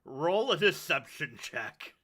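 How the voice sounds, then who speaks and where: A man's voice: a little high, big pitch swings, slow, heavy background noise. A man acting as game master, mixing casual chat with narration for a tabletop game.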